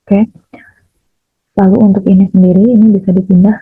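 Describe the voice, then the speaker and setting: A young woman from Indonesia, a chemistry education student, walking through a software tutorial with frequent fillers. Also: mid-range voice, little pitch movement, a little fast, no room sound, faint music behind. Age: young adult. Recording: raspy phone-like lo-fi audio.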